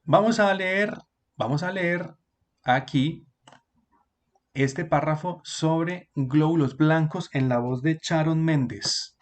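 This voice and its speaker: Guy teaching online, kinda high voice, patient, repeats stuff slow and quizzes the kids. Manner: patient, repeats words slowly, asks students questions. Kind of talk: online class explanation.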